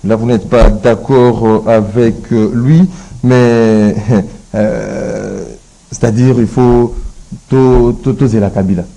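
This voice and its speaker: A man hosting a political talk show, prompting his guest with short murmurs and halting questions, mixing French and Lingala. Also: lowish voice, steady tone, gravelly, dark tone, rough recording. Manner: frequent backchannel murmurs, halting with fillers; switches between Lingala and French.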